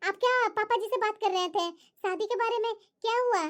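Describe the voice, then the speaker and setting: A woman's voice: extremely high pitch, normal speed. A woman voicing a cheerful, coaxing elder sister-in-law in a family cartoon. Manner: bright, chatty, coaxing. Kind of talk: cartoon voice acting.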